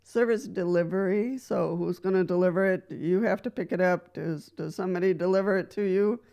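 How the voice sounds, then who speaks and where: Speaking in a lowish, gravelly, mellow voice at a slightly quick pace, this woman from Costa Rica offers practical tips to the camera from her experience as a wheelchair user. The talk is relaxed and explanatory, vlog-style. Light laughs break up her points, and she keeps starting over with "so."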